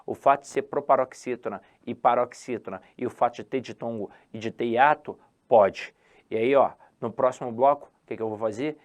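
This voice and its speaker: A Brazilian man with a medium-pitched voice teaches a Portuguese grammar lesson for exam prep. He stretches out key words and asks his own questions before answering them.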